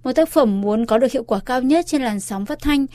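A woman with a fairly high, softly mellow voice works as a state radio interviewer in Vietnam. She phrases her questions formally and politely, in a measured Vietnamese state radio manner.

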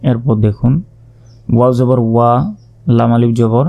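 A man teaching Quran reading, spelling each word out letter by letter and then chanting it slowly and drawn out. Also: medium pitch, little pitch movement, gravelly, lo-fi sound. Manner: slow drawn-out chanted recitation between spoken explanations. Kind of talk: spelling out recitation step by step.

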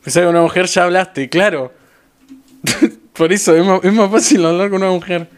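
A young man with an Argentine Rioplatense Spanish accent streams a game, giving live gameplay commentary. He talks excitedly to his viewers in a high-pitched voice at a moderate pace, repeating phrases over and over.

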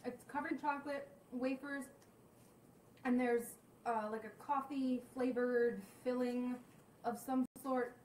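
A woman's voice: high voice, flat delivery, measured pace, darkish tone, far from the mic, slight background noise. Young woman tasting snacks in an echoey room. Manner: chatty, candid reactions while tasting. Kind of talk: casual snack review vlog. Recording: roomy echo, voice off-mic.

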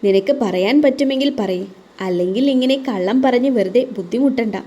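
A blunt young woman friend from an audio story presses her coworker for the truth in a teasing, lively way, as a woman puts her on. She talks a little higher and louder than the narrator. Her voice stays mellow and warm throughout. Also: fairly quick, lightly acted. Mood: pushy, caring.

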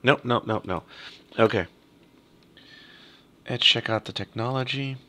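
A man casually talking through a strategy game as he plays, half muttering to himself, slightly hoarse from a cough. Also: medium pitch, a little slow, pushed and bright, slight background noise. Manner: muttering to himself while playing. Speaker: gaming video host. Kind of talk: casual let's-play commentary.

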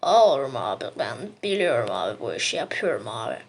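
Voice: medium pitch, sing-song, fairly quick, gravelly, pitched below the performer's own voice. A young man voicing a boastful, tough male game brawler who keeps demanding who you take him for.

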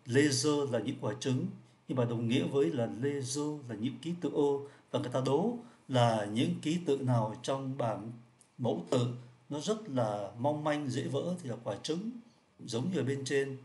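A man's voice: medium pitch, darkish tone. Patient man explaining French riddles. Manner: patient, repeats each point, slows down for French words. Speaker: French teacher.

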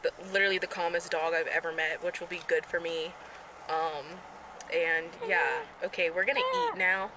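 A young woman rambling excitedly in a casual vlog, talking to her handheld camera. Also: fairly low pitch, normal speed, background noise. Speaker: vlogger. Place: bedroom, then a parked car.

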